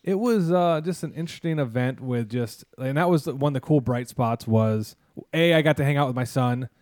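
A man of middling pitch tells long, meandering stories in a casual chat, leaning on "um" and restarts and dropping sarcastic asides. His voice sounds close and dry, with no room around it. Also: fairly quick, darkish tone, no echo. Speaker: podcast host, mascot performer.

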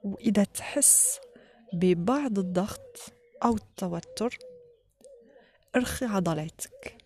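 A woman with an Algerian accent leads a guided relaxation in a soft, often whispered voice, giving short instructions with pauses between them. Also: mid-range voice, expressive. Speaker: guided meditation leader.

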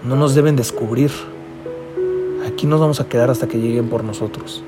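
A man voicing a bossy four-year-old girl who gives hushed commands to her classmate. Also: medium pitch, fairly quick, loud music behind the voice, voice pushed down, natural voice. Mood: hushed serious.

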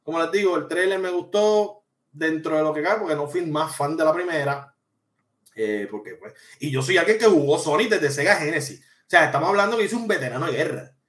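This live-stream podcast host has a voice on the high side and talks a little fast while going through the live chat. Expect animated, joking, slangy rants, all bouncing around an echoey room.

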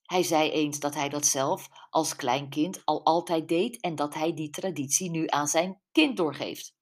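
A woman voicing a blunt, gossipy canteen lady who chats while smoking, in a husky, low voice. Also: measured pace. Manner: blunt, chatty.

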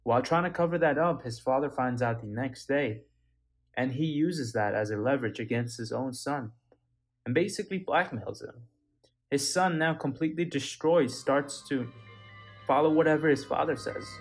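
A man's voice: medium pitch, normal speed, breathy edge, no echo, faint music behind. Young guy from nepal doing a solo podcast, earnest and kinda fired up, dry close sound. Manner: earnest, indignant storytelling. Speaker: podcast host.

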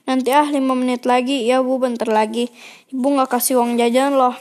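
A woman's voice: sits high, flat delivery, normal speed, darkish tone, close to an everyday voice. A young girl voicing a lazy schoolgirl who keeps putting things off, with a whiny manner. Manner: whiny, procrastinating.

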